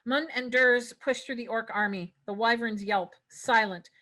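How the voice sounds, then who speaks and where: Her voice fairly high, a woman reads scripted stage directions aloud for a table read, going a little slowly with a pushed, bright delivery. She stumbles on a word here and there.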